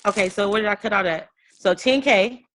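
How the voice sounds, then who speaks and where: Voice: medium pitch, a little fast, fairly bright tone, slight background noise, poor audio. A wellness coach giving a rambling, fired-up motivational talk on a group video call, full of fillers and restarts.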